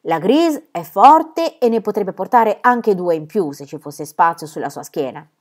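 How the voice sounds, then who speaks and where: A woman reading the part of a widowed peasant father who is soft-hearted and gentle, in her own lively voice. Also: mid-range voice, measured pace. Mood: tender.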